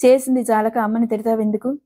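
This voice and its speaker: A woman's voice: on the high side, little pitch movement, quick pace, dark tone, lightly acted. A woman reading the part of a hot-tempered young male student, speaking in a curt, defiant way.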